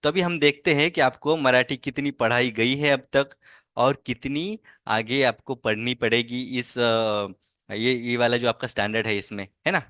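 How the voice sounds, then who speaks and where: A man gives an online lesson to a child in a patient, coaxing way. He keeps asking short checking questions to bring the pupil along. His mid-pitched voice comes through a dry video-call sound with no room echo. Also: steady tone, normal speed, fairly bright tone. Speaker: language teacher.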